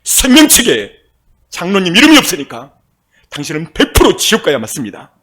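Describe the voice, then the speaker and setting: A man voicing a curt, matter-of-fact angel at a reception desk, with a husky voice. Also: high voice, wildly swooping pitch, a little fast, pushed and bright, heavily acted. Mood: firm.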